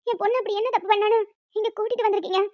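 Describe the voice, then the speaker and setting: A woman's voice: very high-pitched, steady tone, racing, no room sound. A performer voicing a desperate, poor mother who cleans at a school, in a cartoon. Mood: pleading. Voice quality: pleading, then scolding shrilly. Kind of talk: cartoon voice acting. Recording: dull lo-fi dry recording.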